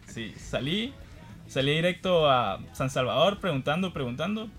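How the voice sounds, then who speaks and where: A man from Guatemala recounts a mishap as a guest, in a slightly high voice that keeps breaking into laughter. His telling is casual and self-deprecating. Faint music plays underneath. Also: expressive, unhurried, fairly bright tone.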